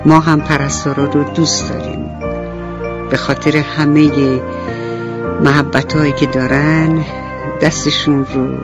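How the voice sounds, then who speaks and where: A woman telling a bedtime story on radio, talking gently and addressing the children directly. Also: low voice, level tone, long pauses. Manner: gentle, talks warmly to children. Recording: dull radio recording with faint music.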